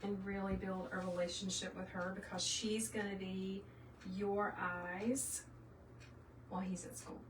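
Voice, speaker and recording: With little pitch movement in her mid-range voice, a middle-aged woman takes her time hosting a live craft tutorial. She's from South Carolina and chats with viewers in a folksy, casual Southern US manner. The sound is roomy, the mic distant, the noise faint.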